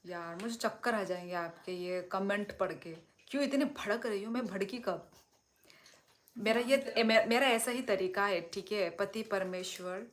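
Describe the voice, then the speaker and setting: A woman's voice: medium pitch, slight background noise. A young woman from Tripura, a native Kokborok speaker, chatting casually on a phone livestream, eating and answering viewer comments in a playful, talkative way. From Tripura, northeast India. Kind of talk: casual live chat, reading viewer comments.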